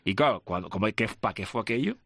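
A man's voice: on the low side, expressive, fast talker, gravelly, pushed and bright, husky, dry recording, clean studio sound. A man with a Canarian accent, hosting a chatty talk show and telling anecdotes. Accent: Canarian Spanish. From Canary Islands. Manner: storytelling, chatty. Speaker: radio host. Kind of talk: casual chat.

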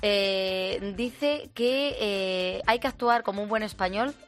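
A woman from Spain with a Peninsular Spanish accent, hosting a radio chat and reading out a news story in a lively, joking way. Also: medium pitch, slow. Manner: lively, joking, often laughing. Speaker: radio show host.

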